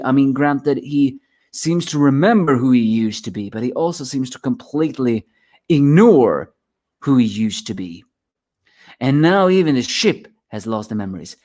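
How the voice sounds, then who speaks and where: A man's voice: medium pitch, darkish tone. A man giving a rambling solo review of a manga chapter, sleepy and yawning, often restarting his words.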